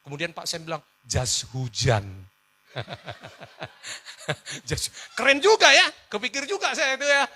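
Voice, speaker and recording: A male pastor preaching, telling a personal story in an animated way, swinging from loud outbursts to hushed words. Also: extremely high pitch, measured pace. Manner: animated storytelling, switching between shouts and hushed tones, laughing along.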